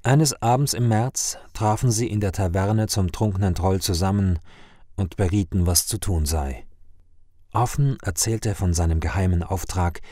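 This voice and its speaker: A man narrating a scripted fantasy story in a measured, dramatic way. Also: lowish voice, dark tone, no room sound, clean studio sound.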